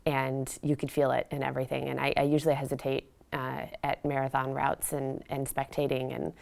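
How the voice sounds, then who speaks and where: A woman's voice: very deep voice, monotone, brisk, gravelly, a little mellow. A woman interviewee who is a runner, telling her story in an earnest, reflective way. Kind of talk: casual recollection in an interview.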